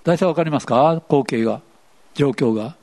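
A man's voice: mid-range voice, moderate pace, darkish tone. A man preaching a sermon, playfully asking the congregation questions as he goes. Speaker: pastor. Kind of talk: interactive sermon.

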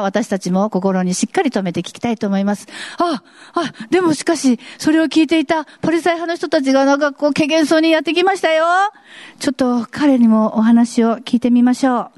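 A woman's voice: a little high, a little fast, darkish tone, no room sound, studio quality. A woman acting as a polite reporter in a mock street interview, explaining Bible passages. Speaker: skit reporter and Bible teacher.

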